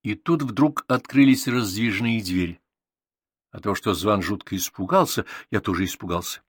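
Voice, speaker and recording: A man narrating an audiobook in calm, even storytelling. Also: lowish voice, normal speed, slightly rough, dry recording, clean studio sound. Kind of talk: scripted narration.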